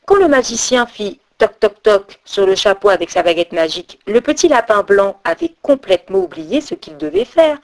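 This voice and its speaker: Woman storyteller, children's tale, sing-song reading, lively fairly high voice. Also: normal speed, vocal fry, hardly any pauses.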